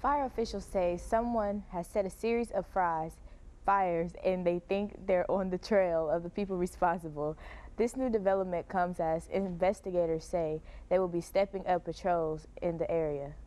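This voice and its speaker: A woman's voice: on the low side, fairly even intonation, normal speed, mellow. A woman delivering a scripted news report, stumbling slightly over some words.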